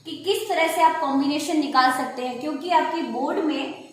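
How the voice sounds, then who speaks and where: A brisk, high-voiced woman biology teacher gives a classroom lecture, asking questions and answering them herself while calling her students "beta." The echoey room is recorded with a distant mic and faint noise.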